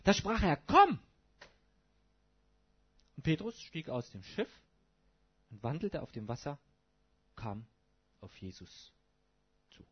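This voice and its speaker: Male pastor giving a sermon in a casual tone, with an animated, husky voice on a dull lo-fi recording. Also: medium pitch, a little slow, pauses often. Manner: colloquial, asks the congregation rhetorical questions.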